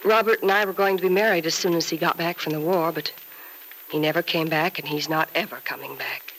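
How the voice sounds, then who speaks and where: An actress playing a gentle, bereaved young nurse in a 1940s radio soap opera, consoling in an earnest, wistful, measured way. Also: female voice, low-pitched, steady tone, rough recording. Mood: wistful sorrow. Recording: old radio recording with faint noise.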